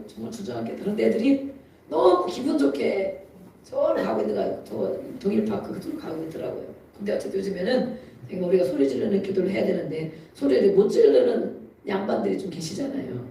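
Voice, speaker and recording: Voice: mid-range voice, very animated, fast talker, warm tone. A preacher giving a chatty, storytelling sermon with frequent laughs that rises to emphatic exhortation, recorded in a church sanctuary from a distance. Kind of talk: conversational sermon. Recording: echoey hall, mic from far off.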